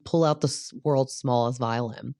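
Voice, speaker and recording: A woman's voice: very deep voice, steady tone, normal speed, mellow, dry recording, clean studio sound. A woman hosting a podcast, giving a casual, opinionated recap of a reality show and filling her talk with "like". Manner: chatty and opinionated, full of "like" fillers. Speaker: podcast host.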